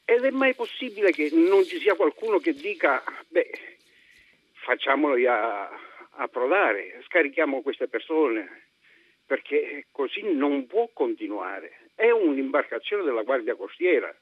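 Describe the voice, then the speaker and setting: Man, radio phone-in caller, indignant rant, lively swooping pitch, muffled phone line. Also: measured pace. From Arezzo, Italy. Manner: indignant, agitated ranting. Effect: phone call heard over a radio broadcast.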